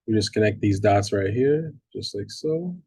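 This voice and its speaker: Casual math teacher with a husky, mellow voice. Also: male voice, lowish voice, expressive, moderate pace. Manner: casual, checks in with students, restarts while reading. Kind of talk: online class lecture.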